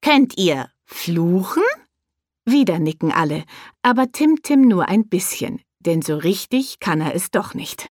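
A woman narrating a children's storybook in an expressive, lively way. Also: fairly low pitch, normal speed, no room sound, clean studio sound.

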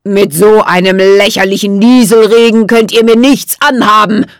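A woman's voice: mid-range voice, fairly even intonation, unhurried, creaky, dry recording, studio quality. A woman voicing a tall, bony male frost wizard who speaks coldly and mockingly. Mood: sneering. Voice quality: cold, cutting voice.

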